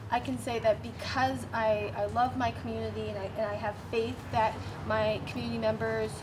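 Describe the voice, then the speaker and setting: Heartfelt staff woman, halting delivery, distant outdoor pickup with noise. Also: a little high, flat delivery.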